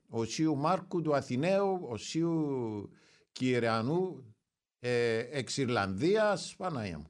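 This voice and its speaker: Brief: male radio host, mid pitch, hesitant, rambling chat. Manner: rambling, hesitant, halting over names.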